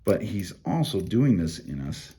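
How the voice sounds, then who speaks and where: A man leading a casual Bible study, reading verses aloud and thinking out loud about how to mark them, with lots of fillers and restarts. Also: sits low, big pitch swings, unhurried, husky. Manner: reads scripture aloud between comments.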